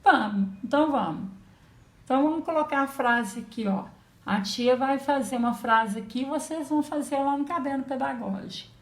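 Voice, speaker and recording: In an echoey room, a woman teacher leads a patient lesson for children, spelling out letters and sounds. She has a high-pitched voice and speaks at normal speed.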